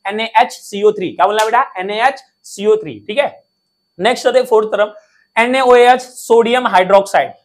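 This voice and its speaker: A man teaching a lesson in a playful, energetic way, quizzing students with call-and-response questions and cracking jokes. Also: high-pitched, moderate pace. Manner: jokey, drops rhymes and mnemonics.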